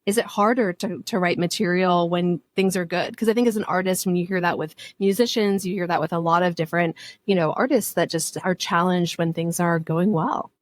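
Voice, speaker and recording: A woman hosting a podcast, asking questions in a casual, playful way and reacting with quick laughs. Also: fairly low pitch, fairly even intonation, no room sound, studio quality. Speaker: podcast host.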